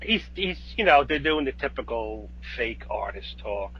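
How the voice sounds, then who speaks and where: Husky man recounting a movie plot. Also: medium pitch, sing-song, normal speed. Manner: retells the plot step by step, hesitant. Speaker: podcast co-host. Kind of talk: casual film discussion. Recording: dull lo-fi podcast audio.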